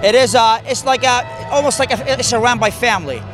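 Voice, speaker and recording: A man's voice: very high-pitched, moderate pace, over music, crowd noise. A young man of Palestinian family, interviewed outdoors at a rally, giving blunt, emphatic opinions. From Palestinian family, born in the UAE. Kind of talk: street interview. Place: outdoor rally on a park lawn.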